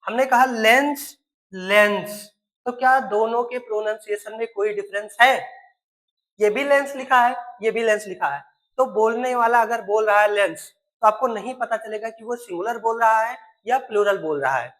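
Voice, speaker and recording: A male teacher speaks in a recorded classroom lesson. He addresses his pupils constantly, asking question after question. He slows down to spell words out one letter at a time. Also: high voice, a bit bright, rough recording. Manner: keeps quizzing students, spells words letter by letter.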